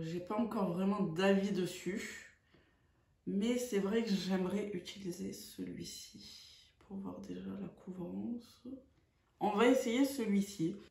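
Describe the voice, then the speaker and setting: A woman's voice: fairly low pitch, dark tone. A woman chatting through a makeup tutorial, hesitant and full of fillers. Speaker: beauty vlogger. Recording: echoey room.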